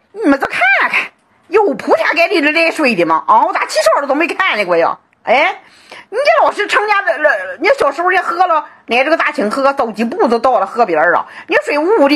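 Wailing angry woman near sixty. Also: high-pitched. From Hebei, China. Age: late 50s. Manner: lamenting, sighing, shouting with bitter laughs. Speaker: flood-hit villager. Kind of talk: angry self-recorded rant.

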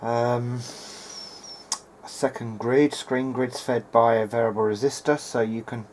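This hobbyist electronics repairer, hosting a casual hands-on demo at an indoor workbench, speaks a little slowly in a level, slightly mellow, medium-pitched voice while thinking aloud with hesitation. The recording is clear, with background workshop room noise.

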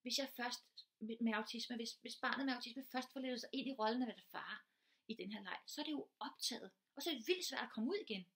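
Earnest woman teacher explaining, higher voice. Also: a bit bright. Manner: earnest and explanatory, builds points with everyday examples. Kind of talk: informal lecture.

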